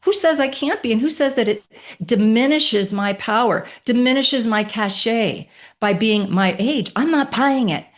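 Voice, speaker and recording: A woman's voice: a little high, unhurried. Emphatic woman in her fifties telling stories. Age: 50s. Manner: emphatic, animated storytelling with rhetorical questions. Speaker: guest. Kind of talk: podcast interview storytelling.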